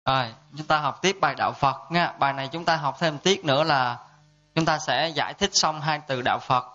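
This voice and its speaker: Monk teaching a class. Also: male voice, fairly high pitch, a little fast, sharp tone. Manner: conversational, asks listeners to confirm often. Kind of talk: dharma class lecture. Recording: dull lo-fi sound.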